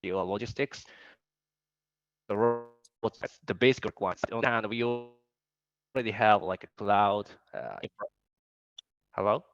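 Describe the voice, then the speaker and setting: Low-voiced man on a choppy call line. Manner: halting, with many fillers and restarts. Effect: choppy connection, audio cutting in and out. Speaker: presenter in a working group meeting. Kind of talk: technical presentation on a video call. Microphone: computer mic on a video call. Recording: dull dry lo-fi call audio.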